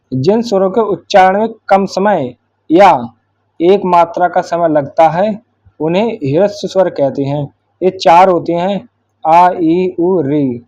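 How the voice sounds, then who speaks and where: High-pitched guy doing exam revision, mellow tone, dull lo-fi sound. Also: no echo. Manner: explains step by step, asks then answers his own questions. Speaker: teacher.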